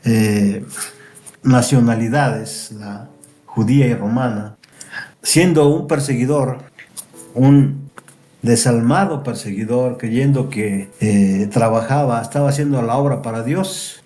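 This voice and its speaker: A man reviewing a Bible lesson, reading scripture aloud and explaining it with pauses and restarts. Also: mid-range voice, a little mellow, roomy sound. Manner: explains and reads verses with fillers and restarts. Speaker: Bible study teacher.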